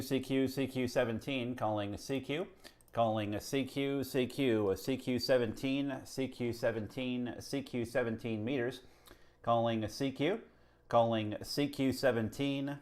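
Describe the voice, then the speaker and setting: A man calling CQ on a ham radio, repeating his call sign in phonetic letters. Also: mid-range voice. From Minnesota. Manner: steady repeated CQ calls with phonetic call signs. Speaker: ham radio operator, stream host.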